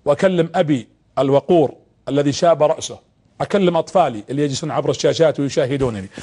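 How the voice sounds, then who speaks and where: A man's voice: sits high, a little mellow. A man preaching on television from a studio, talking emphatically, repeating words and putting direct questions to viewers. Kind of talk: televised religious talk to viewers.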